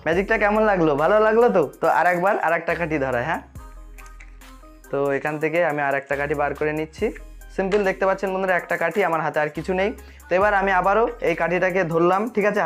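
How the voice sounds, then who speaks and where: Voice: mid-range voice, fast, fairly bright tone, soft background music. A magician host explains a tutorial straight to viewers, often checking that they are following.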